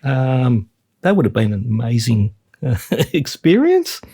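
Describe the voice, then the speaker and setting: A man hosts a casual podcast, chatty and enthusiastic, with plenty of fillers. His mid-pitched voice is gravelly and a little husky. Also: sing-song, unhurried, mellow. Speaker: podcast host.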